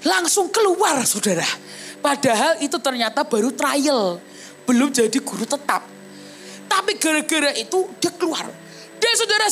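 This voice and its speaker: A young adult woman evangelist giving a sermon at a church service. She tells her own story in a vivid, animated way and keeps turning to address the congregation. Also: fairly high pitch. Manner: animated storytelling, often addressing listeners as brothers and sisters. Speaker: evangelist preacher. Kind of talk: testimony sermon.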